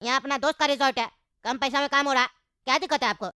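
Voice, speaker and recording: Woman doing a quick bright coaxing cartoon guy planning a party. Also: sits high, fairly even intonation, dry recording, clean studio sound. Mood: persuasive. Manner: persuasive, coaxing. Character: smooth-talking male party planner. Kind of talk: cartoon voice acting.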